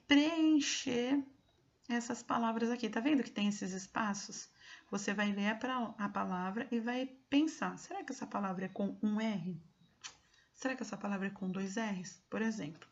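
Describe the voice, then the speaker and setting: A Brazilian woman teaching small children over a recorded lesson, patient and deliberate, pausing to ask whether they understood. Her voice sits at a middle pitch, and the sound is a little dull and muffled. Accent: Brazilian Portuguese. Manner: patient, explains slowly with many check-ins. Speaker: schoolteacher. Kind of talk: remote lesson walkthrough for young pupils.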